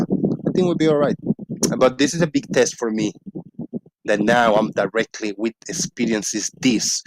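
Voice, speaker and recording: A man's voice: fairly low pitch, background noise. A man in his forties from Puerto Rico with a Puerto Rican accent, a native Spanish speaker chatting loosely on his livestream, laughing and swearing, with a little frog in his throat. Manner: rambling, laughing, swears freely. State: slight frog in the throat, clearing it. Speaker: livestream host. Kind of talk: casual livestream chat.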